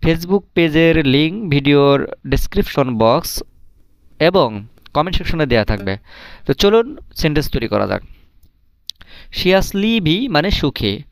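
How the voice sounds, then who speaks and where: A man's voice: a little high, big pitch swings, a little slow, pauses often, no room sound, studio quality. A man giving a casual video lesson, with many filler hesitations and phrases repeated in a sing-song rhythm. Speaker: language teacher.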